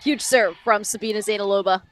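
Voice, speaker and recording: A woman from New England doing live tennis commentary, measured and analytical as she breaks down the players' games. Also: medium pitch, fairly even intonation, a little hiss or hum, poor audio.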